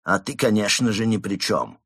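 A man's voice: a bass voice, sing-song, a little slow, slightly rough, no echo, clean studio sound, full character voice. A man voicing a sly male mole archaeologist who speaks in a skeptical, sneering way.

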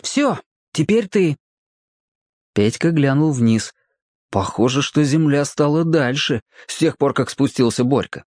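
A narrator reading a children's story aloud with expressive delivery. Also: mid-range voice, moderate pace, no room sound, clean studio sound.

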